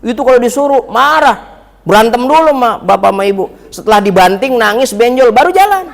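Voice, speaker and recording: Male preacher, high voice, playful storyteller who acts out the dialogue. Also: fairly quick, vocal fry. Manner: lively storytelling, acts out dialogue, jokes with audience. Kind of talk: mosque religious lecture. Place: mosque hall. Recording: reverberant mosque hall.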